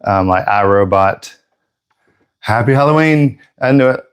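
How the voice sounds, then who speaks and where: A man's voice: fairly low pitch, animated, a little slow, smooth. A man hosting a live airbrush painting stream, chatting casually and joking with viewers, slightly out of breath.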